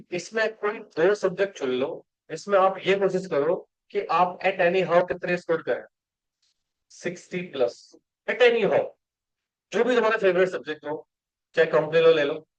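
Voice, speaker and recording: Man, classroom lecture, coaching tone, rhetorical questions, somewhat high pitch, muffled sound. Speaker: company law teacher.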